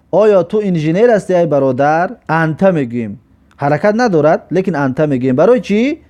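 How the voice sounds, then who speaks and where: A man teaching an Arabic grammar lesson. He explains step by step, asks and answers his own questions, and reads the example sentences slowly. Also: fairly high pitch, dark tone.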